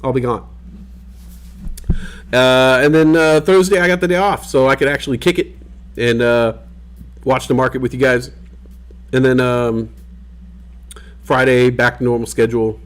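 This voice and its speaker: Hosting a livestream, a man chats casually with viewers in a laid-back, rambling way full of fillers, all while having the hiccups. His mid-range voice moves at a moderate pace with long pauses, recorded on a desk microphone.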